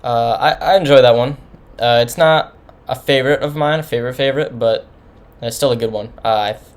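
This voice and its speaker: A man in the middle of his pitch range talks through an album review in a loose, casual way. He rambles and often restarts his sentences. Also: fairly quick. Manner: rambling, informal, many restarts. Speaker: music reviewer.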